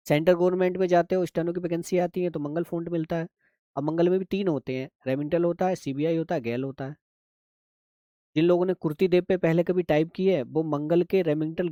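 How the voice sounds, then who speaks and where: A man teaches shorthand in a live online class. His voice sits a little high for a man, and the recording is dry and close, with no room sound. He takes each step slowly and keeps checking that the class has followed. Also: mellow, no echo. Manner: patient, repeats steps, checks if students understand.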